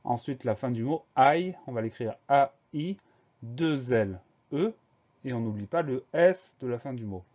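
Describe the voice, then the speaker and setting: A young man teaching a spelling lesson, spelling words out letter by letter with slow, careful dictation. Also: medium pitch, animated, darkish tone, lo-fi sound.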